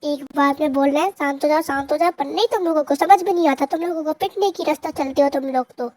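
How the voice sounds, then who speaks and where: A woman's voice: high-pitched, fast, a little mellow, no echo. A woman voicing a stern young woman who narrates a game roleplay and scolds two fighting boys. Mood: scolding. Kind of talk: Hindi game roleplay voiceover.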